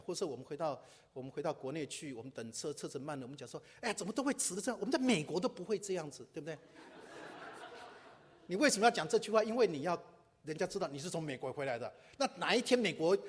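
Fast-talking pastor in a reverberant hall. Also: male voice, a little high, slightly rough. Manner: conversational preaching with rhetorical questions and English asides. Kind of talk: sermon.

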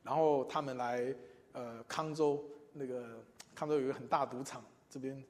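A man, preaching and telling his own testimony, moving between loud emphatic lines and quiet asides. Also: medium pitch, fairly even intonation, normal speed. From Taiwan. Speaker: church speaker. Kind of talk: sermon with personal testimony. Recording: long reverb in a large hall.

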